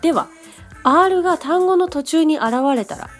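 A Japanese woman hosting a podcast, giving a chatty pronunciation lesson and switching between Japanese and slow, careful English. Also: very high-pitched, faint music behind. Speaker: podcast host and English teacher.

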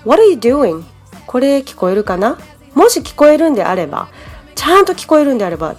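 A woman from Japan hosting a podcast English lesson, explaining in a friendly, chatty way. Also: medium pitch. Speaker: English teacher, podcast host.

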